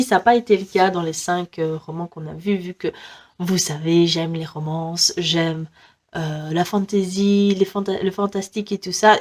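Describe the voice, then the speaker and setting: A woman's voice: on the low side, a little mellow. A young woman with a French accent chatting casually about books on her wishlist, with lots of fillers and small laughs. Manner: chatty, many fillers and giggles, reads blurbs aloud. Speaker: book vlogger. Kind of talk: casual book wishlist vlog.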